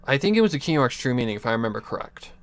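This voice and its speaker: His mid-range voice races along with big pitch swings as a young man livestreams from his home computer desk. The advice rambles, with restarts, chuckles and casual swearing picked up by a USB desk mic.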